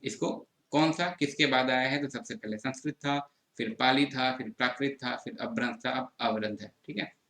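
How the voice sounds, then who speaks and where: Teacher from Chhattisgarh, echoey room. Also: male voice, medium pitch, moderate pace, a bit bright. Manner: explains patiently, with constant check-ins. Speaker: exam prep teacher. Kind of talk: online exam answer-key lecture.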